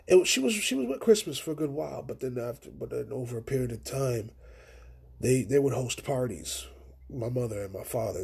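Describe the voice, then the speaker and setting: A young man hosts his own podcast, talking through a story in loose, profane slang. His voice has a gravelly fry and a deeply husky, raspy texture. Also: warm tone. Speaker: podcast host. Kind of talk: casual solo podcast chat.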